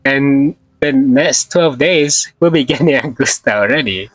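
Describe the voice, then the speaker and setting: Streaming a game, this man rambles casually through live commentary, often repeating himself and swearing mildly. His slightly sore throat comes through in a mid-range voice with lively intonation and an unhurried pace. The recording has no echo.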